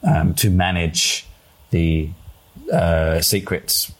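A man interviewing a guest, asking halting questions with restarts and frequent laughs. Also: low voice, fairly even intonation. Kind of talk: conversational interview.

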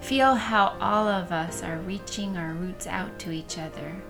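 Female meditation guide, slightly low, soft soothing delivery at a very slow pace. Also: music in the background.

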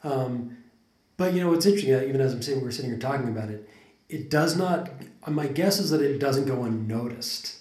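A male podcast co-host with an animated, mid-range, darkish voice talks fairly quickly, reasoning thoughtfully through casual conversation with many fillers and restarts. There's a roomy echo on the recording.

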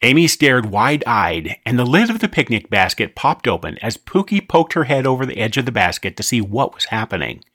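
A man narrating a children's storybook in an expressive, animated way. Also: mid-range voice, fairly quick, few pauses, no echo, studio quality.

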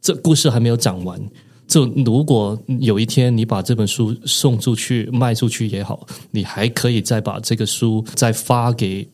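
Low-voiced male author explaining thoughtfully. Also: normal speed, darkish tone. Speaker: author and podcast guest. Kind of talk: podcast interview.

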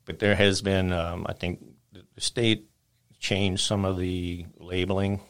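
Deep-voiced man telling stories. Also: measured pace, clear, resonant tone. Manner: animated storyteller, acts out customers' lines. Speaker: guest, spice rub maker. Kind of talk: casual storytelling chat.

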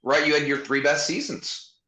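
Male interviewer, higher bright voice, chatty and eager, roomy echo. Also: moderate pace. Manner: chatty, storytelling, eager questions. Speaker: interviewer, podcast host. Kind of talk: conversational interview.

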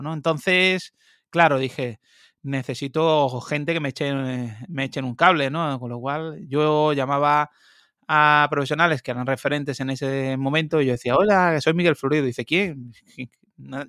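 Guy chatting as a guest, animated storyteller, slightly high voice, dry sound. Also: dry recording. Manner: lively, animated, quick asides and laughs. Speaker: interview guest. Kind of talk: casual storytelling.

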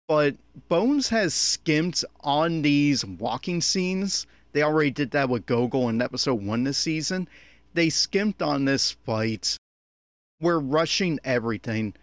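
Speaking at medium pitch with no room sound, this male commentator improvises his way through an anime episode, sounding opinionated, critical and fed up.

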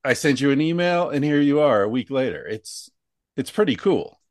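A man's voice: mid-range voice, animated, moderate pace, darkish tone, dry recording, studio quality. A man hosting a conversational interview, musing aloud with frequent restarts and fillers. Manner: thoughtful, rambling with many restarts. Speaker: podcast host.

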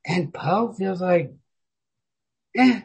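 He speaks very slowly in a high-pitched, expressive voice with vocal fry and a slightly rough texture. The talk is a casual book chat on his podcast, emphatic and slangy, laced with swearing and hedged with constant "like."

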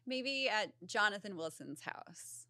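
A woman's voice: mid-range voice, lively intonation, takes it slowly. A woman hosting a podcast as a casual conversational interview, chatty and informal, often saying "like.". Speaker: podcast host.

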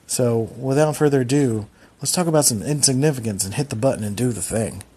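A man's voice: medium pitch, a little fast, background noise. A man from Philadelphia with a Philly accent, hosting a casual solo podcast in a rambling, self-deprecating way. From Philadelphia, USA. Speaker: podcast host.

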